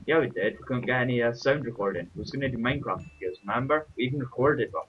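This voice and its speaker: A man's voice: mid-range voice, very fast. A young man chatting casually while playing a game, with wry banter. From Scotland. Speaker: gaming channel host. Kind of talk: casual gaming commentary. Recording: dull hissy home mic.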